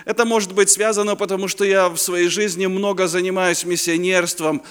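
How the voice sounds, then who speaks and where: A man's high, clean, fairly bright voice comes across flat and a little fast as he preaches. He is in his fifties, from Ukraine, a native Ukrainian speaker with a Ukrainian accent, and is a guest preacher giving a chatty, joking sermon at a youth conference, sometimes searching for words. The conference hall echoes heavily.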